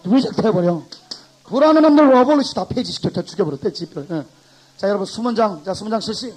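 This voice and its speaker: A pastor giving an animated classroom lecture, a man who acts out his examples and swings from loud to soft. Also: high voice, fast talker, husky, low-quality recording.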